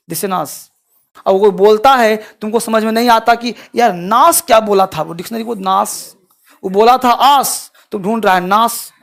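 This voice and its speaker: A man teaching a class in a lecture style, constantly quizzing his students and swinging between loud emphasis and quiet asides. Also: sits high. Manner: addresses students with frequent quizzing questions.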